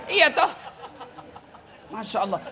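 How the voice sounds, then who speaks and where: High-pitched, bright-voiced male preacher. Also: sing-song, slow pace, some chatter behind. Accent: Makassar Indonesian. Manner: teasing, scolding the audience with jokes. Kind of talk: lively Islamic sermon.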